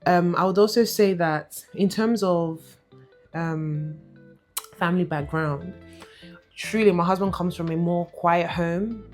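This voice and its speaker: A woman's voice: fairly low pitch, unhurried. A young woman raised in London explains her view plainly to her husband in a casual chat. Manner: direct, explanatory. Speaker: co-host, wife. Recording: soft guitar music behind.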